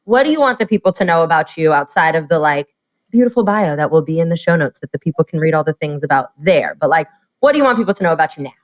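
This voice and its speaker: A woman's voice: low voice, lively intonation, fast talker. A young woman hosting a podcast, chatting casually with slangy, effusive talk and frequent laughter. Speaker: podcast host. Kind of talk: casual chat.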